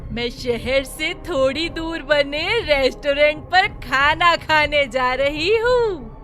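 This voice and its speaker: A woman's voice: high-pitched, lively intonation, takes it slowly, fairly bright tone, full character voice. A woman playing a sweet, inviting neighbour auntie who is a witch in disguise, in a children's cartoon story. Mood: sweetly luring. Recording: faint music behind the voice.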